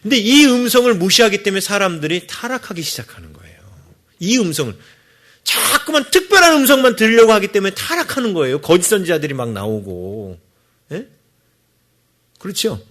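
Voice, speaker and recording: A man preaching a sermon as pastor, with an animated delivery that keeps asking the congregation to agree. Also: high-pitched, fairly quick. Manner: animated, acts out quoted voices, asks the congregation for agreement.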